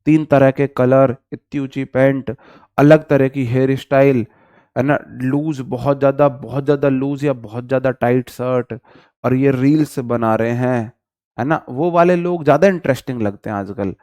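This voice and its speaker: A man's voice: medium pitch, fairly even intonation, moderate pace, dark tone, smooth, no room sound. A man teaching vocabulary in a live online lesson, chatty and joking, calling his viewers brother.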